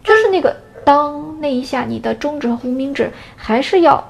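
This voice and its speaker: A woman teaching an erhu lesson in a casual, step-by-step way, often checking in with a quick question. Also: sits high, lively intonation, vocal fry. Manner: explains step by step with tag questions.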